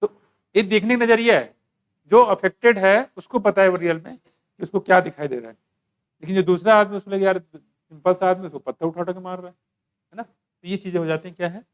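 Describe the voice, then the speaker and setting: High-voiced man teaching biology. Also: steady tone, a little fast, clean tone. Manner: conversational, rhetorical questions, mixes English terms. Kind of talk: exam-prep lecture.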